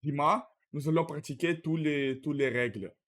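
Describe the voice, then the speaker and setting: A man with a Russian accent in French, practising the language by repeating example sentences in a halting way. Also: on the high side, a bit bright, slight background noise. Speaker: French learner practising with a partner.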